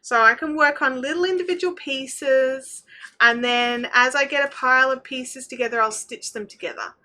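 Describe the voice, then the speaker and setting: A woman's voice: high voice, moderate pace, bright, forceful tone. A woman hosting a casual craft livestream, chatting informally and thinking aloud in a scattered, self-interrupting way.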